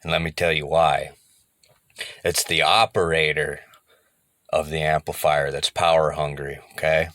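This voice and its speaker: Easygoing male vlogger, very low pitch, sharp tone, close and dry. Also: level tone, measured pace, pauses often, no room sound. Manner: rambling, easygoing, repeats himself. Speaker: car audio hobbyist. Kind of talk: casual vlog talk to camera.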